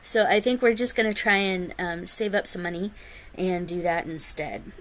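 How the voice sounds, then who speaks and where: An American woman in her forties chats casually to her flosstube viewers, rambling with plenty of ums and sounding tired. Her voice is lowish and a bit bright, and she talks at a normal speed.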